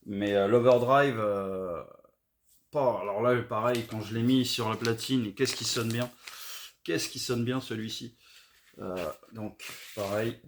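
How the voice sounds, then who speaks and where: In a relaxed haul video, a record-collecting vlogger from France, middle-aged, talks slowly in a fairly low voice about the records he picked up. He's hesitant and full of fillers, with slight background noise audible.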